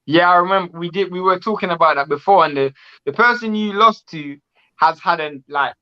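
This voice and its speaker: A man's voice: sits high, brisk, clear, resonant tone, lo-fi sound. A man hosting a casual boxing interview, asking rambling, enthusiastic questions with restarts. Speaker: boxing channel host.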